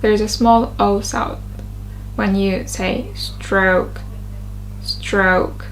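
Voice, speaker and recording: Slow, deliberate woman coaching pronunciation. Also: mid-range voice, little pitch movement, creaky, darkish tone, slight background noise, rough recording. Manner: slow, deliberate, repeats words over and over. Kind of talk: pronunciation lesson with drills.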